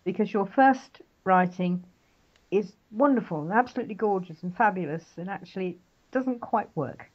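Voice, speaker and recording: A woman's voice: mid-range voice, animated, normal speed. An older woman from England, an author guest, chatting animatedly in an interview and often laughing. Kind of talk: casual interview chat. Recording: dull lo-fi internet radio audio.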